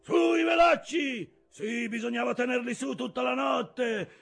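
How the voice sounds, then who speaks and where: A man's voice: mid-range voice, animated, takes it slowly, slightly rough, pitched above the performer's own voice, exaggerated voice. A man voicing an obsessed old sea captain who bellows orders feverishly in an audiobook reading. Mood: shouting orders.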